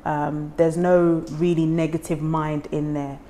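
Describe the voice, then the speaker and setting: A woman from Ghana, raised in the UK, hosting an interview and encouraging her guest with warm, frequent agreement. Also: deep voice, flat delivery, measured pace. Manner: warm, encouraging, lots of backchannel. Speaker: host.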